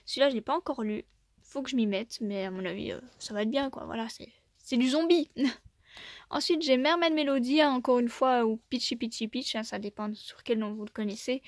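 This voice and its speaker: A woman's voice: fairly high pitch, no room sound. A young woman casually showing her manga collection, chatting with many fillers and small laughs.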